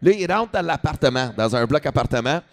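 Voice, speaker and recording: A man's voice: medium pitch, animated, brisk. A man comedian with a Quebec French accent telling a story in a casual talk, switching into English and swearing freely.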